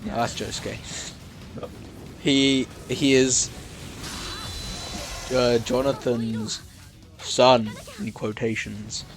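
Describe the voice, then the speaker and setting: A podcast co-host recaps a story in a rambling, casual way, full of fillers and restarts, and slips into silly quoted voices. He has a gravelly mid-range voice with little pitch movement, speaks extremely slowly with long pauses, and faint music plays behind him.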